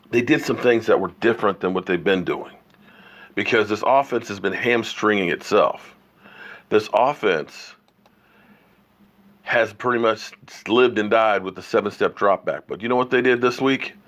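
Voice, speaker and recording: Fighting a cold, this male host of a sports opinion livestream makes emphatic arguments peppered with rhetorical questions. His voice sits fairly low and has a fairly bright tone, and he takes his time.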